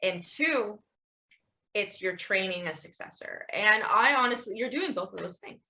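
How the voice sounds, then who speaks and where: A young woman with a bright, clear tone hosts a relaxed podcast conversation. She rambles through her points, restarts her sentences and laughs easily while complimenting her guest. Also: mid-range voice, moderate pace. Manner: rambling, laughs often, warm praise. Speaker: podcast host. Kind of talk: casual interview chat.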